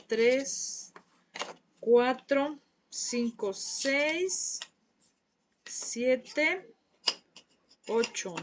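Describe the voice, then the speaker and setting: A woman's voice: on the high side, a little hiss or hum. Chatty Mexican woman teaching a craft class. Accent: Mexican Spanish. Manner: chatty, gossipy, coaxing viewers to talk. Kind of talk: live painting class chat.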